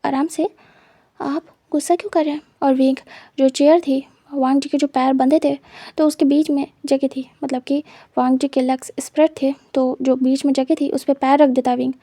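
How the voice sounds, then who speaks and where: A woman's voice: sits high, level tone, moderate pace, mellow, dry recording, studio quality. A woman narrating a fan-fiction story in a casual, matter-of-fact way. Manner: plain, matter-of-fact retelling.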